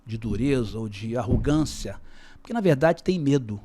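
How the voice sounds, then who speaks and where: A man speaking as a guest on a business podcast, calm and measured, often repeating words while he searches for them. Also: medium pitch, noisy background. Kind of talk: casual interview talk.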